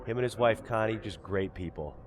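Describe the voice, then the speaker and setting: A man's voice: lowish voice, brisk. A man hosting and commentating a televised poker tournament in an enthusiastic, friendly broadcaster manner. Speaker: host.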